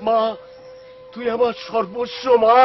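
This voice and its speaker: A man's voice: very high voice, flat delivery, unhurried. An actor playing a wild, fervent ascetic holy man in a devotional film, blunt with his followers and crying out to the divine Mother. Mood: longing, crying out. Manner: gruff and blunt with followers, pleading cries to the Mother. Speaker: wandering ascetic saint. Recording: dull lo-fi film soundtrack with music.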